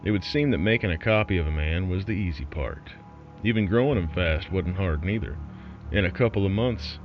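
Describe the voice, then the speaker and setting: Telling an eerie tale as a renegade broadcast, a man plays a folksy, wry underground host, his low voice rising and falling with sardonic, conspiratorial flair. Music plays beneath him, and the recording is a bit muffled.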